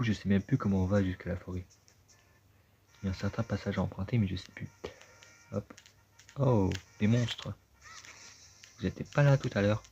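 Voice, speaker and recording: A man's voice: lowish voice, vocal fry, warm tone. A man giving casual, chatty gameplay commentary, thinking aloud as he plays. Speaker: let's play gamer. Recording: dull lo-fi sound with game music.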